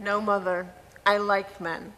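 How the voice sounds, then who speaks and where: A woman's voice: mid-range voice, level tone, a little slow, a bit bright, in a large hall, close to an everyday voice. A woman playing a bitter, cutting daughter. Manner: sardonic, blunt, cutting. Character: bitter grown daughter, tipsy, cold and cutting. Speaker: actor. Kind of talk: stage play acting.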